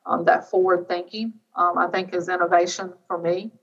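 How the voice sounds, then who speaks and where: A woman's voice: on the low side, fairly even intonation, normal speed. A middle-aged woman giving an earnest, unscripted answer as an interview guest, hesitating and piling up lists. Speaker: educator, podcast guest. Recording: distant mic, slightly dull sound.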